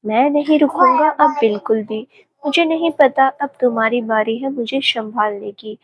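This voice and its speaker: A woman voicing a doting, playful young husband in a romance story, speaking softly and affectionately. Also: sits high, normal speed, husky, low-quality recording. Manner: soft, affectionate, teasing. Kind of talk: audiobook story reading.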